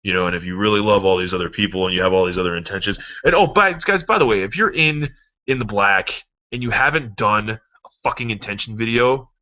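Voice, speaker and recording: Man, motivational vlog, low bright voice, rambling, swears, dull lo-fi sound. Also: fairly quick. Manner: rambling, animated, swears freely. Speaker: motivational vlogger. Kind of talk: casual motivational pep talk. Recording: dull lo-fi recording.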